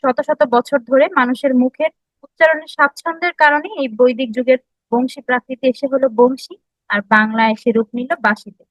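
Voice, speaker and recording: High-voiced woman lecturing a class. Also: steady tone, a little fast, no echo, low-quality recording. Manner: explanatory, frequent filler sounds and restarts, asks the audience questions. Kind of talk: classroom lecture on language history.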